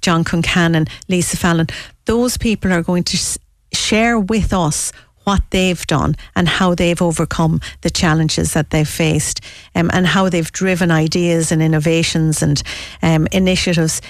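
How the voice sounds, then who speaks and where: A woman's voice: fairly low pitch, fairly even intonation, unhurried, no room sound, studio quality. A woman with a west of Ireland accent giving a promotional radio interview as a guest, emphatic and fond of repeating phrases for effect. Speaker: interview guest, business network representative.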